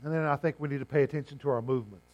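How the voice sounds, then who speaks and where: A man preaching a sermon, hoarse, with emphatic phrasing, rhetorical questions and slow stressed lines. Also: mid-range voice, a little mellow, dull audio. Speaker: pastor.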